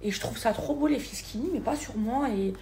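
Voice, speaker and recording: Woman in her 30s vlogging on her phone, chatty, keeps talking to her followers, highish voice, lots of background noise. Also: brisk, darkish tone. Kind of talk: casual vlog addressing followers. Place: indoors then car and shops, mostly on the go.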